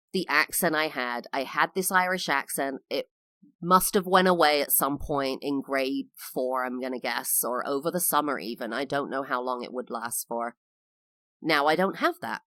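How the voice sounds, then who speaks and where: This is a UK-born podcast host in her thirties delivering a personal monologue, speaking English with a faint American edge. She has a deep, slightly bright voice and keeps a measured pace, with careful enunciation and a lilting, sing-song quality. The sound is studio-clean, without echo.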